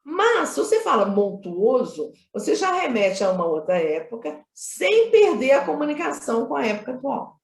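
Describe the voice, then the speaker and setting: A film director from Minas Gerais, Brazil, is being interviewed and explains her creative choices in a conversational way. Her voice sits high and sing-song, moving at a moderate pace with hardly any pauses, and she is emphatic, repeating phrases and often tagging on questions. The recording is roomy and echoey.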